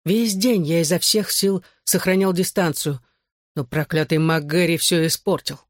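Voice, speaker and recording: A man's voice: on the high side, fairly even intonation, moderate pace, no echo, clean studio sound. A man narrating a first-person novel as an audiobook, in a terse, intense manner.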